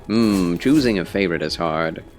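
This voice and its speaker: A man with a fairly low, scratchy and slightly phlegmy voice is live streaming a game. He talks in a casual, rambling way to his viewers, sounding tired and under the weather. Music plays clearly behind him. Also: animated, normal speed. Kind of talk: casual livestream chat with game commentary.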